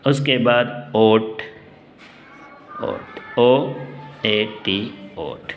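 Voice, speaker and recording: A man with a Pakistani accent teaching a shorthand lesson, asking questions and answering them himself while spelling words out slowly. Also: medium pitch, expressive, faint music behind.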